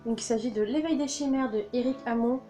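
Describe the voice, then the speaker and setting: A woman's voice: on the high side, fairly quick. A young woman presenting her new books in a casual vlog, enthusiastic and full of fillers and repeated words. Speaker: book vlogger. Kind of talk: casual book haul chat. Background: soft background music.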